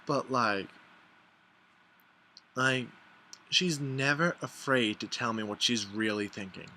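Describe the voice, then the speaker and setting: Chatty bright-voiced man vlogging. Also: slow. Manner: chatty, lots of "like", mimics friends in higher voices. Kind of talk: casual heartfelt vlog.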